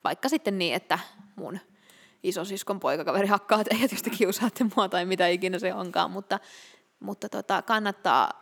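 A woman's voice: mid-range voice, creaky, long reverb tail. A young woman from Finland co-hosting a podcast with her sister, chatting casually and laughing often. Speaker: podcast co-host. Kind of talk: casual chat.

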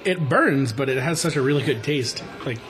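A man's voice: medium pitch, expressive, moderate pace. A man in casual tasting chat, upbeat and ready with his opinions. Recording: loud music behind the talk. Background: music.

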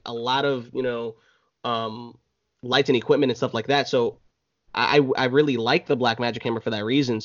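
A man talking as a podcast guest, relaxed and rambling with lots of fillers. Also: mid-range voice. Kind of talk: casual podcast chat. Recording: slightly dull lo-fi sound.

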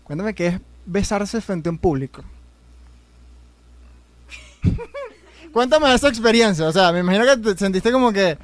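A man's voice: high voice, lively intonation, unhurried, long pauses. A man with a Venezuelan accent hosting a podcast, talking in a loose, slangy, hesitant way. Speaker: podcast host. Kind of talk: casual podcast chat.

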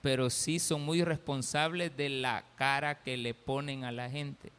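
A man's voice: mid-range voice, fairly even intonation, measured pace, a bit bright, clear, resonant tone. A male pastor with a Salvadoran accent preaching a sermon in a church, folksy and teasing as he acts out little everyday scenes. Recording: church hall reverb.

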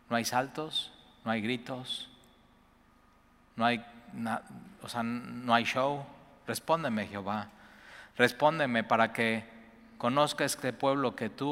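Male pastor preaching in a reverberant hall. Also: medium pitch. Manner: shifts from hushed prayerful quotes to loud excited exclamations. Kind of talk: sermon.

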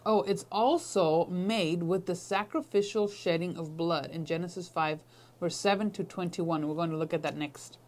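A woman teaching a Bible class in short, measured phrases, pausing often for an interpreter. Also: lowish voice, a little mellow. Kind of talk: Bible lesson with consecutive interpreting.

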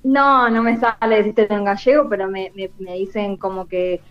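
A woman's voice: medium pitch, fairly even intonation, normal speed, a bit bright. Argentine woman on a muffled remote call. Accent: Argentine Spanish. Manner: laughs often, repeats herself. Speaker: guest calling in from abroad. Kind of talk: casual radio chat. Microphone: remote call with delay.

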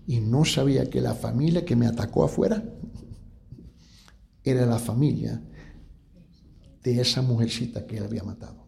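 A pastor with a dark, gravelly voice tells a testimony from the pulpit. He is a man who often sinks into a hushed tone at grave moments. His voice rings in an echoey room. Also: medium pitch, moderate pace, long pauses. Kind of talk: preaching a testimony story.

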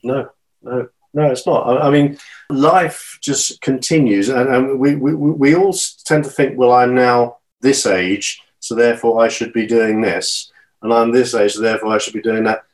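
The low-quality recording captures a British channel swimmer in his fifties being interviewed as a guest in a casual conversation. His mid-range voice keeps fairly even intonation at a moderate pace, and he's earnest and encouraging, repeatedly restarting his sentences.

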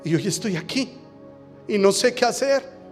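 A man preaching a sermon as pastor, telling stories with acted dialogue and rising into shouted exhortation. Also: high-pitched, expressive, normal speed, soft background music. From Mexico.

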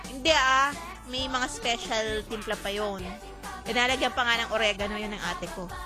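A woman co-hosting a radio show, giggly and lively in casual banter. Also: on the high side, normal speed. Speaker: radio co-host. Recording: radio show with music behind.

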